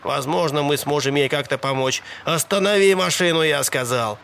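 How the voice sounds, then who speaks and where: A man's voice: a little high, moderate pace, vocal fry. Man doing a frantic panicked passenger. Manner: frantic, pleading, shouting.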